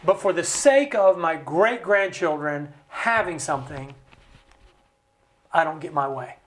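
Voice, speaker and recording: An American man speaking as a studio interview guest. He explains with passion and acts out other people's voices with big swings in pitch. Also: a little slow, a bit bright. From United States. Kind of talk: impassioned conversational explanation. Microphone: studio mic.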